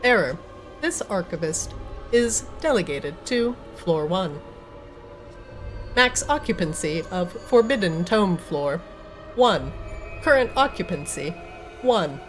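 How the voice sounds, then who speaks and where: Woman dm doing a slow glitchy robot archivist guy, flat clipped words, keeps repeating error error. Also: lowish voice, soft background music. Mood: mechanical. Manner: flat clipped machine phrasing. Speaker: game master.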